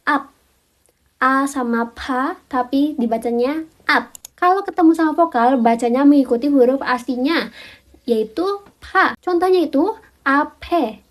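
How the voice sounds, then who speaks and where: A woman giving a casual video lesson on reading Korean. She talks in a chatty way, repeats each example word slowly and clearly, and gives viewers playful little orders. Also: sits high. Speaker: Korean language teacher.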